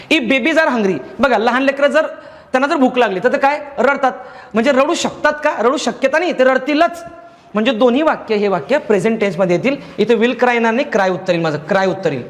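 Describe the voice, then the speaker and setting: Man, very high voice, grammar lesson, patient, repeats points. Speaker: English grammar teacher. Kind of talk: classroom lecture.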